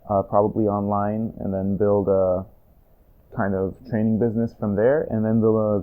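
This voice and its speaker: A man with a low voice chats casually about his fitness plans, upbeat and rambling, full of fillers. The sound is thin and phone-like, as if heard down a tinny line. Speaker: vlogger. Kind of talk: casual chat.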